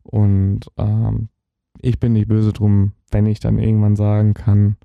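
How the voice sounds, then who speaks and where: A man's voice: on the low side, monotone, unhurried, gravelly, dry recording, narrow, tinny audio. A young man, a hobby DJ from Germany, chatting as a podcast guest, rambling and searching for words. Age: young adult. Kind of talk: casual podcast interview.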